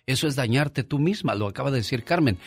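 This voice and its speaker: A man's voice: medium pitch, lively intonation, fast, husky, dry recording. A man co-hosting a radio talk show, emphatically listing points one after another. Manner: emphatic, lists points in a row. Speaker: radio co-host.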